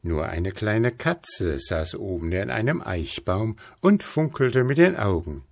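A man with a lowish voice reads a fairy tale slowly, with lively, rising and falling pitch. The sound is close and dry. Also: vocal fry, no room sound. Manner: slow, expressive, lively pitch. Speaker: storyteller. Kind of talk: reading a fairy tale aloud.

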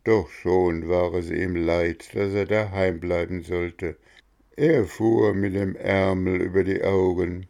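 A man slowly reading a children's storybook aloud, addressing young listeners. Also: low voice, steady tone, gravelly, darkish tone. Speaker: narrator.

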